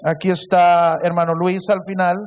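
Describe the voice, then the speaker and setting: A male pastor moderates a church panel. His voice sits high for a man. He introduces each guest and asks his questions with the odd filler. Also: little pitch movement, normal speed.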